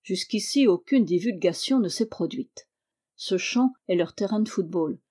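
A woman narrator gives a quick-witted male reporter, his storybook lines lifted slightly in pitch and pushed louder than the narration. The tone stays mellow and dark throughout. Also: animated, close to an everyday voice. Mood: proud. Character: male journalist, brisk and wry.

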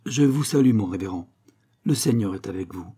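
A man's voice: on the low side, animated, a little fast, warm tone, breathy edge. A man voicing a young male angel messenger who speaks eloquently and preaches. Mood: brisk. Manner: solemn, sermonizing delivery.

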